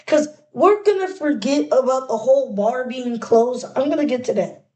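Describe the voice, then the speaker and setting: A woman's voice: high voice, animated, moderate pace, dark tone. A woman giving casual, rambling reaction commentary in slangy, mock-exasperated rants. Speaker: video creator reacting to clips.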